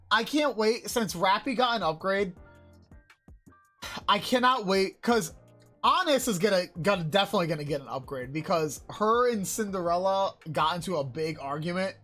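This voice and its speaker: Woman streamer, casual game commentary, excitable and foul-mouthed, faint game music underneath. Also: medium pitch. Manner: excitable, swears a lot, shouts in surprise.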